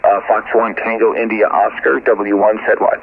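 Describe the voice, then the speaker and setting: A man's voice: lowish voice, little pitch movement, moderate pace, creaky. A man working as an amateur radio operator, making a ham radio call and spelling call signs in the phonetic alphabet with many fillers. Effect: shortwave radio transmission. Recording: tinny radio band with faint static.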